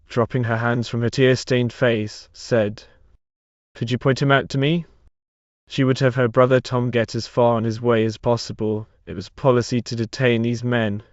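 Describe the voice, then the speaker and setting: A man reading an old romance novel aloud in even, measured narration. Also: mid-range voice, dry recording. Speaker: story reader. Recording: slightly dull dry recording.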